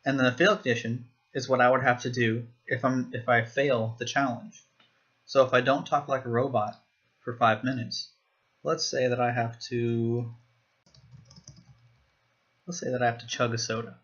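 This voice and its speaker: A man giving a screen-recorded software walkthrough, explaining each step plainly. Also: mid-range voice, little pitch movement, moderate pace, pauses often, highs cut off. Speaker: software demo presenter.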